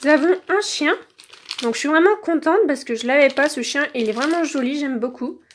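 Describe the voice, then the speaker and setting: Woman with a high voice unboxing toys, lots of umms, phone mic, crinkly noisy background. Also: brisk. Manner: chatty, many "donc" and "euh" fillers. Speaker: toy reviewer. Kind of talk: casual unboxing review. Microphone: phone held in one hand.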